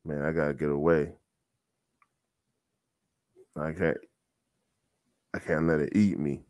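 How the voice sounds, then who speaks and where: A man mimicking an emotionless young male rancher in a deadpan monotone. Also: very deep voice, slow, dry recording, studio quality, pitched below the performer's own voice.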